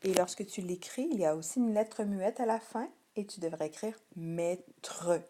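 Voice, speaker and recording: A woman teacher with a Québécois French accent giving a slow spelling dictation to young children, patient and over-articulated, lingering on each word. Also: medium pitch, dark tone.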